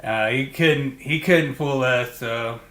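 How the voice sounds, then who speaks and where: A man's voice: mid-range voice, slow pace, fairly bright tone, echoey room. A man co-hosting a podcast, talking in an enthusiastic, filler-heavy way, with lots of "dude" and "like I say.". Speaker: podcast co-host. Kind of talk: casual chat.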